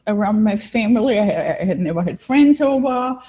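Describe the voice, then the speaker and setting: Speaking as a life coach on an interview, this older woman from Vienna tells her own story in an Austrian-accented voice, German being her native language, and she repeats phrases to stress them. She talks at a normal speed with a medium, mellow pitch and lively intonation. The sound is dull, lo-fi call audio.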